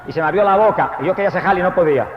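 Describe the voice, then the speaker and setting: A man's voice: sits high, rapid-fire, lightly acted. A man preaching at a church service and quoting his converted wife as she tells her story. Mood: recounting. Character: preacher's once-hostile wife, now converted. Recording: echoey, dull live hall recording.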